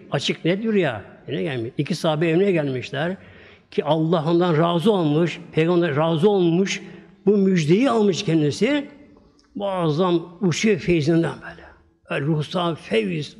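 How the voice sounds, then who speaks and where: A man's voice: a little high, darkish tone. Man preaching in a reverberant hall. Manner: retells a story, acting out the quoted speech. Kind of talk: sermon storytelling.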